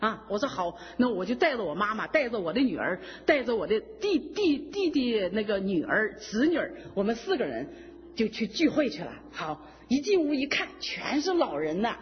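Give me a woman from China telling an animated church testimony, heard in a long-echo hall on a dull recording. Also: mid-range voice, a little fast. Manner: emotional, laughing and tearful storytelling; animated, folksy storytelling with many fillers. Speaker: church member giving testimony. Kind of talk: personal testimony. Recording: dull reverberant hall sound.

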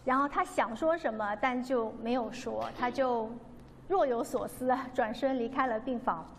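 Woman, fairly high voice, earnest testimony, long reverb with faint background noise. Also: normal speed. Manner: earnest, devout, re-enacts dialogue. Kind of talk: personal testimony storytelling.

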